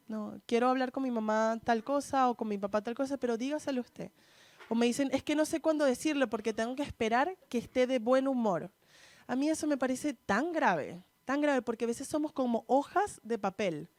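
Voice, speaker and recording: A female psychologist with a Chilean accent giving a structured talk at a church, often checking in with the audience with quick questions. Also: a little high, no room sound. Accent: Chilean Spanish. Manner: didactic, structured in steps. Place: church hall.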